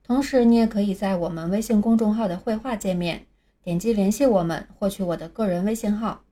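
Female teacher for a beginner pronunciation lesson. Mellow, even delivery, patient, reads new words slowly and spells them out. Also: mid-range voice. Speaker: English teacher.

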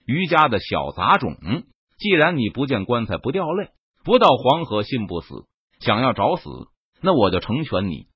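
A man's voice: medium pitch, sing-song, moderate pace, husky, dry recording. A man voicing a sneering villain guard captain. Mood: menacing. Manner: sneering, threatening. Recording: dull lo-fi dry recording.

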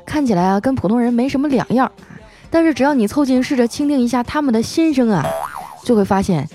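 A female host telling comic everyday stories in a chatty, lively way. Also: fairly high pitch, background noise. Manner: lively, chatty, drawn-out particles. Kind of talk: comic storytelling. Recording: faint music bed.

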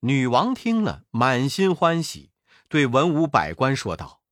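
A man narrating a children's story in a lively, expressive way. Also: medium pitch, measured pace, no echo, clean studio sound.

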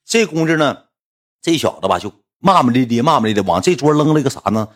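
A man's voice: mid-range voice, expressive, quick pace. A man with a Northeastern Mandarin accent telling a rambling, colloquial anecdote, often repeating himself. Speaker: storyteller.

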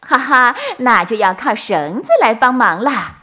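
A clever little rabbit, the eldest of three, speaks in a high, confident voice, as a woman storyteller puts it on. It sounds self-assured and full of ideas. It belongs to a children's bedtime storybook. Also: animated, a little slow, sharp tone, full character voice.

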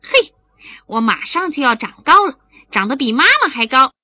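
A woman's voice: high voice, sing-song, moderate pace, sharp tone, no room sound, pitched above the performer's own voice, full character voice. A woman voicing an eager, boastful little boy in a bedtime story. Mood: excited.

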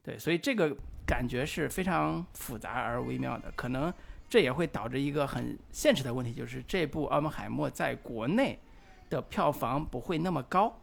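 A middle-aged man in his forties, co-hosting a podcast and talking slowly and reflectively about a film, with frequent hesitant fillers. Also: medium pitch, animated, vocal fry. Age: 40s. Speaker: podcast co-host. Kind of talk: casual film discussion.

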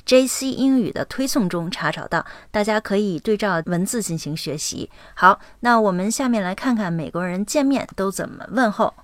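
A woman's voice: medium pitch, animated, moderate pace, hardly any pauses, dry recording, clean studio sound. A woman from China co-hosting a language-learning podcast, chatting mostly in Chinese and mixing in English phrases. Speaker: podcast co-host. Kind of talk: bilingual language-lesson podcast chat.

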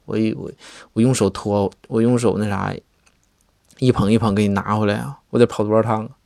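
A man's voice: lowish voice, flat delivery, a little fast, gravelly, darkish tone, no room sound, clean studio sound. A man voicing young Judge Bao as a big-headed boy complaining to his mother. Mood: indignant.

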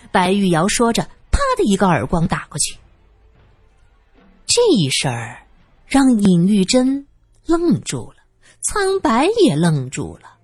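A woman's voice: medium pitch, darkish tone, breathy edge, dry recording. A woman narrating a story, reading expressively and acting out the scenes. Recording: dry close voice with faint music.

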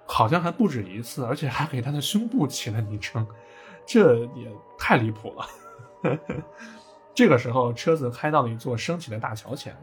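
A man's voice: mid-range voice, a bit bright. A man casually retelling a video game story for a podcast, with jokey asides.

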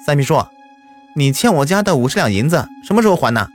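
A man voicing a blunt ten-year-old village boy in a storybook tale, with a high, pleading, insistent voice. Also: big pitch swings, a little fast, soft background music.

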